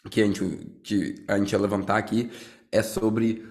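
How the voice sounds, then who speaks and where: A man with a fairly low voice hosts a casual podcast conversation. He speaks in a relaxed way and tacks a quick tag question onto most phrases. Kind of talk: casual chat.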